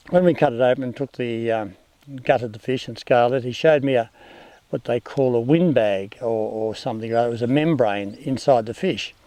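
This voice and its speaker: An older man with an Australian accent reminisces about bush life in a laconic, halting outback drawl, telling it unscripted like a yarn. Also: medium pitch, warm tone, no echo. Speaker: former outback station worker telling bush yarns.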